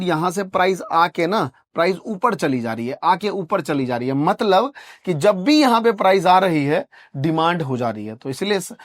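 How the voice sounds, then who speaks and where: A man's voice: high voice, no room sound. Dry-voiced teacher man, quizzing viewers. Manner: rhetorical questions, answering himself, asks "correct?". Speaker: trading teacher. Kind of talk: chart lesson screen narration.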